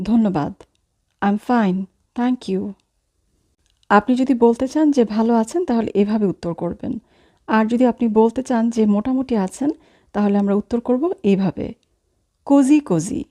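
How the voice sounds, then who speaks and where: A woman teaching a language lesson, saying each phrase and then repeating it slowly word by word. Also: on the high side, warm tone. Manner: slow, careful, spelling out each word.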